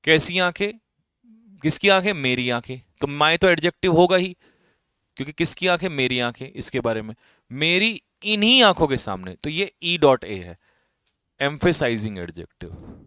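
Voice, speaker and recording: A man's voice: fairly high pitch, lively intonation, sharp tone, clear, resonant tone, no room sound. A young man teaching grammar in a classroom lecture, asking questions and answering them himself. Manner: explains in Hindi, reads English examples slowly and stresses them. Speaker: English teacher.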